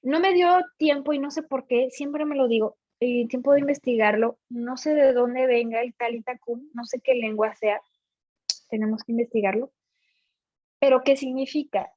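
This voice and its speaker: A woman's voice: sits high, moderate pace, a little mellow, dry recording. A woman giving an informal Bible teaching in a chatty way, often asking her listeners whether they follow. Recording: dull dry recording.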